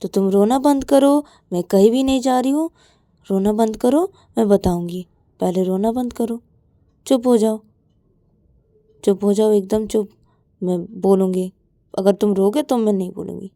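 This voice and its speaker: A woman voicing a calm young woman who gently reassures her partner. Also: mid-range voice, moderate pace, long pauses, no room sound, studio quality, pitched below the performer's own voice, natural voice. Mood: soothing.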